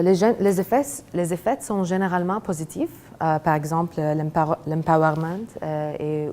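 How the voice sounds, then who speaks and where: A young woman with a foreign accent in French, a graduate student presenting her research haltingly, searching for words. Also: low-pitched, mellow, slight background noise. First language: not French. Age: young adult. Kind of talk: academic presentation of a thesis project.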